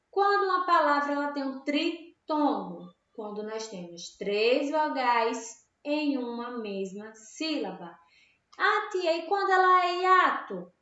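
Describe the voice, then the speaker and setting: High-voiced Brazilian teacher, echoey room. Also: female voice, fairly bright tone. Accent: Brazilian Portuguese. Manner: patient and explanatory, checks in with "certo?" and "tá?". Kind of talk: classroom grammar lesson. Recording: very echoey room, dull lo-fi sound.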